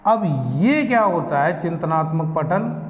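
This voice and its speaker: A man teaching a lecture class, talking slowly and deliberately, drawing out syllables and asking rhetorical questions. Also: on the high side, lively intonation, a little hiss or hum. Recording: echoey room, faint ambience.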